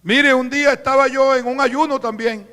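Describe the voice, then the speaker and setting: Colombian male pastor, storytelling sermon, very high voice, reverberant church hall. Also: steady tone. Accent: Colombian Spanish. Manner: storytelling preacher, slows and drops to a hush for quoted lines. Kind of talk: sermon with acted-out dialogue. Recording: live church recording, long hall reverb.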